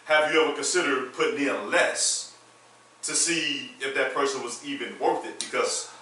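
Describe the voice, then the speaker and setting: A man's voice: mid-range voice, moderate pace, sharp tone, a little hiss or hum. Blunt man talking from far off. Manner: blunt, outspoken. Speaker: talk show host. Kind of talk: casual panel discussion. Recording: echoey room from far off.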